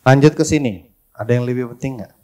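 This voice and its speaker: A man's voice: mid-range voice, a little fast, mellow. A man, teaching a live persuasion seminar, quizzing and joking with the room. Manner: coaching, quizzing the audience, joking. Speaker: persuasion trainer.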